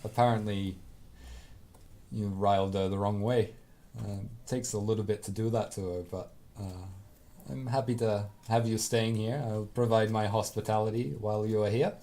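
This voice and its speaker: A man's voice: fairly low pitch, steady tone, moderate pace, dark tone, natural voice. A man playing a smug, formally courteous male jailer in a tabletop role-play game. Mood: smug courtesy. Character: smirking, courteous male jailer, officious and accommodating. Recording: background noise at live table.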